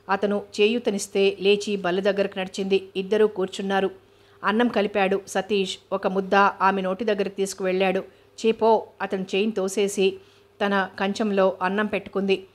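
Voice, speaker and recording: A woman narrating a novel as an audiobook, reading all the characters in an even manner. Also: medium pitch. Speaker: novel reader.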